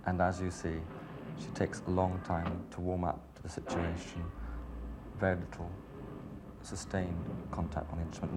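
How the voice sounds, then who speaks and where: A man, a music therapy researcher calmly explaining session footage, heard on an old noisy 1980s documentary recording. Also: low voice.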